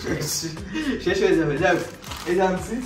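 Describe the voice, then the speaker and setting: A man's voice: high voice, fairly even intonation, moderate pace. A young man with a Bangladeshi accent chatting casually and jokingly as he hosts a vlog. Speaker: vlogger hosting a food challenge. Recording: roomy echo, music underneath.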